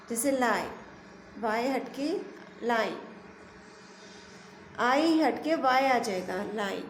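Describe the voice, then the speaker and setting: Slow-spelling woman teacher in echoey room. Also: fairly high pitch. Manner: spells words out letter by letter; mixes slow English rule reading with quick explanations. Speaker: school teacher. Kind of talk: grammar lesson. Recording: echoey room, faint background hum.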